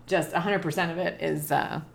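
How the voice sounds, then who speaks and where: A woman with a slightly low voice chats casually as co-host. She stops and starts, searching for the right words, with an amused tone throughout. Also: fairly even intonation, a little fast, gravelly. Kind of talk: casual chat.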